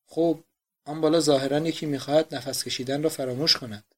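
A mocking young painter in a read-aloud novel, voiced by a man. He jokes flippantly in a fairly high voice. He sounds careless and amused. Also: steady tone, fairly bright tone. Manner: flippant, joking.

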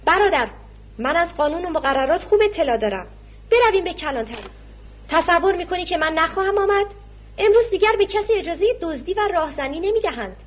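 A woman voicing an angry, defiant male tavern keeper in a storybook reading, shouting indignantly. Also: very high-pitched, animated, muffled recording, pitched above the performer's own voice.

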